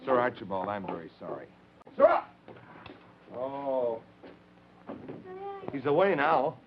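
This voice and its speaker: A man's voice: mid-range voice, very animated, slow pace. A man hosting an old children's TV show, speaking in a folksy, exclamatory way to the kids. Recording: muffled, noisy old TV recording.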